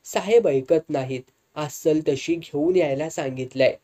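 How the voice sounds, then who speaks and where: A rustic male driver who gossips in coarse village speech, as a storyteller voices him. His tone is dark and mellow in an audiobook reading. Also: medium pitch, measured pace, natural voice. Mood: insistent.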